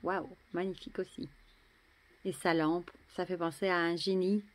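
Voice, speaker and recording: Woman, French accent, chatty admiring card review, slightly low pitch, soft asides. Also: little pitch movement, normal speed. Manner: chatty, admiring, often drops to a murmur. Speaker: tarot deck reviewer. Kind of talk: casual show-and-tell.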